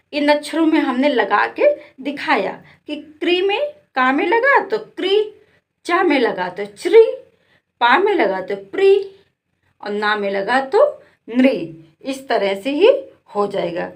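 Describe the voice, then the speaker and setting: Female Hindi-accented teacher, higher voice, unhurried call-and-response drilling for kids. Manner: repeats each syllable and asks it back to the listener. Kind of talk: slow classroom lesson with call-and-response drilling.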